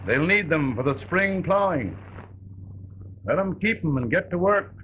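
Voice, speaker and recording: An actor playing a weary, folksy, merciful wartime president in an early talkie film, with gravelly, deliberate, homespun delivery. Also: male voice, fairly high pitch, expressive. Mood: firm, merciful. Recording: tinny, noisy early sound film track.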